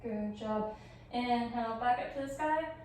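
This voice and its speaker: Young female yoga teacher, unhurried, slightly high, out of breath, roomy echo from across the room. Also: a little mellow. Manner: encouraging cues, light laughs. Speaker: yoga instructor. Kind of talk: guided vinyasa yoga class. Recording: echoey room, far from mic, faint noise.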